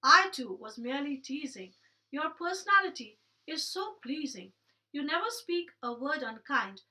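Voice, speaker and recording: High, bright woman reciting comic rhymes. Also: very animated, normal speed, recorded from a distance. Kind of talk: reciting rhyming comic verse.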